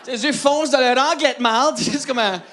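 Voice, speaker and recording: Performing for a live audience, a New Brunswick comedian in his thirties with an Acadian French accent speaks a little fast at an extremely high pitch, his tone sharp. He is chatty and self-mocking, frequently laughing at his own material, with faint audience laughter and a little hiss or hum behind him.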